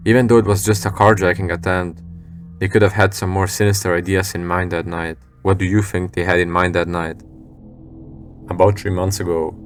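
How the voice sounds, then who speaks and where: A man with a low voice narrates in a scripted, serious way. His delivery is measured and flat in pitch, with music playing underneath. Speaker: narrator of a scary video compilation.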